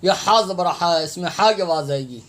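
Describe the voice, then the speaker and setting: A man's voice: sits high, lively intonation, a bit bright. A man teaching recitation in a patient lesson, spelling out letters, repeating each word several times and earnestly urging listeners to read correctly. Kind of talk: tajweed lesson, spelling out and drawing out verses.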